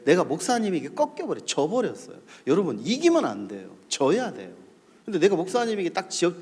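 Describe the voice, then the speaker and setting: Animated man preaching in a hall. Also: fairly high pitch, breathy edge. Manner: animated, addresses the audience directly. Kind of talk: storytelling sermon. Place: large hall at a church camp. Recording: long hall reverb.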